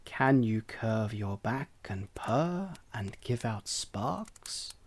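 A storyteller voicing a superior, haughty male house cat who speaks slowly. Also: medium pitch, animated, pitched below the performer's own voice, exaggerated voice. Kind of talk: storybook reading.

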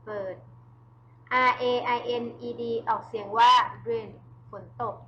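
A woman teaching English verbs in a slow drill, spelling words letter by letter and repeating each form. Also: fairly high pitch, level tone, bright, forceful tone. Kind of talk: slow vocabulary drill lesson. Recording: dull lo-fi recording with faint hum.

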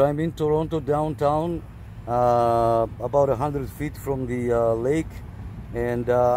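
A man who runs a radio channel chats over CB radio from a parked car, then heads outdoors for an on-camera walkthrough. His medium-pitched voice is warm, with slight background noise, and he leans on radio lingo, repeats himself, and uses plenty of fillers as a CB operator and vlogger.

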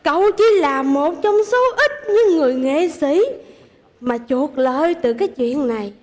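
A woman playing a poor but proud old grandmother who slowly scolds a showy visitor in a comedy sketch. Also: high-pitched, animated, darkish tone, long reverb tail. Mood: dignified reproach.

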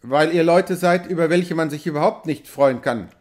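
A man voicing a cold, sharp-eyed frontier hero who speaks in a stern, curt tone. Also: on the high side, moderate pace, lightly acted.

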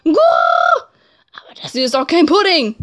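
Furious male pigeon for a visual novel game, female performer: high, shouted coos, pompous third-person outrage. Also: huge pitch swings, a little slow, exaggerated voice. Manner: cooing shouts, grandiose third-person speech. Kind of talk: video game character voice in a let's play.

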